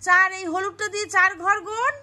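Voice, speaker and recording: This family vlogger's voice is very high, bright and forceful, with fairly even intonation and a fairly quick pace. Chatting casually over a board game at home, she coaxes and sighs often in exasperation.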